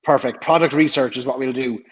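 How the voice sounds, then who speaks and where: A man's voice: medium pitch, a little fast, husky, highs cut off. A man hosting a casual livestream, chatting at ease and reading out viewer questions. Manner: relaxed, reads viewer questions aloud. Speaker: livestream host.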